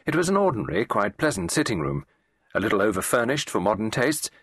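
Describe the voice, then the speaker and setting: A man reading a classic mystery as an audiobook narrator, measured and expressive. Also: lowish voice, slightly rough, no room sound, studio quality.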